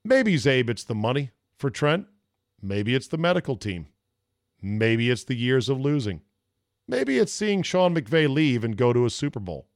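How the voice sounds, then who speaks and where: A man's voice: mid-range voice, big pitch swings, a little slow, dry recording, clean studio sound. A man in his fifties hosting a podcast, talking in a laid-back, freewheeling way and reading aloud. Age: 50s. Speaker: podcast and sports radio host. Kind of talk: freewheeling solo podcast talk, reading listener emails.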